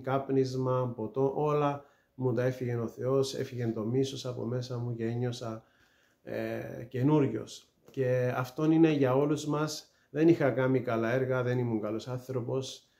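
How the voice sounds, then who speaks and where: A man's voice: medium pitch, mellow. Earnest man sharing a faith testimony. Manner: earnest, hesitant with many pauses and fillers. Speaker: testimony speaker. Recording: echoey room.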